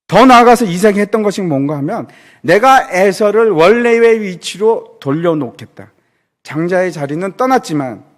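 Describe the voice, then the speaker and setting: A male pastor delivering a sermon in a church, his voice set high and swinging widely in pitch. He poses questions to the congregation and answers them himself. He often slips into other people's voices to act out their words. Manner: dramatic preaching, acting out characters' words; asks and answers rhetorical questions.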